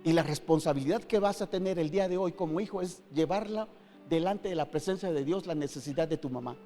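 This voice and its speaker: A middle-aged man preaching a sermon as pastor, emphatic, swinging between loud and hushed with many rhetorical questions. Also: on the high side, fast. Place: church hall. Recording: long hall reverb with faint guitar.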